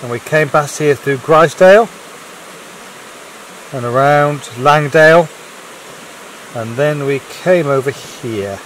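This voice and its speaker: A man's voice: a little high, slow pace, long pauses, fairly bright tone, slight background noise. A middle-aged man chatting casually outdoors in the hills, explaining a route in an easygoing way. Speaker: walking companion. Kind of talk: casual chat. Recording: distant outdoor camera audio.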